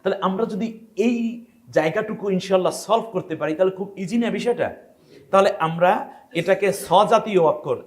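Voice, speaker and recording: A man from Bangladesh teaching Quran pronunciation to a class, asking the students questions and demonstrating how each letter should sound. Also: high voice.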